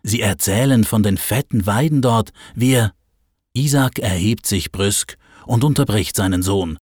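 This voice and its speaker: A man calmly narrating a Bible story. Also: fairly low pitch, unhurried, slightly rough, no echo, clean studio sound.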